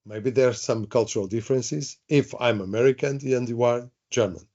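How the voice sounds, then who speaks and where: A man's voice: mid-range voice, moderate pace, warm tone. A man teaching a live online workshop, chatty, repeating himself and asking the audience questions. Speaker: webinar trainer. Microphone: video call. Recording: dull lo-fi online call audio.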